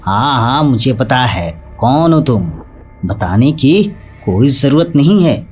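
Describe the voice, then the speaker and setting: A man voicing an eerie old male ghost who speaks in a low, ominous way. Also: sing-song, takes it slowly, darkish tone, breathy edge, soft background music, heavily acted.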